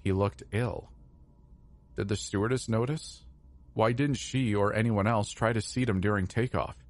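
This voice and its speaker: A man with a very low voice reads a creepy first-person tale. His delivery is slow, measured and somber, built for scripted horror narration. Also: no echo.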